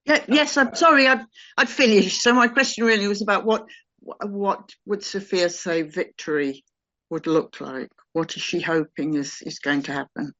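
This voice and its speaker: A woman's voice: medium pitch, moderate pace, bright, forceful tone, no room sound. A woman asking an earnest question in a meeting over a video call. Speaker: audience member asking a question. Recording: dull, dry lo-fi call audio.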